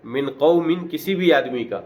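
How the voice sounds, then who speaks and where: A man's voice: fairly high pitch, darkish tone. A man teaching a Quran lesson, reciting short phrases in Arabic and then explaining each one in plain, conversational words with earnest, repetitive emphasis.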